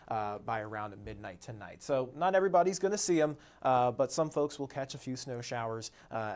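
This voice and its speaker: A male meteorologist giving a live-streamed weather forecast in a relaxed, conversational way, with frequent "uh" fillers. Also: mid-range voice.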